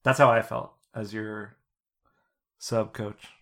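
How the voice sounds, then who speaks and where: A man's voice: on the low side, fairly even intonation, slow, creaky, fairly bright tone. A young man in casual gaming banter, talking bluntly like a bro and swearing freely. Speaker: team sub coach on a podcast. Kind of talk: casual chat.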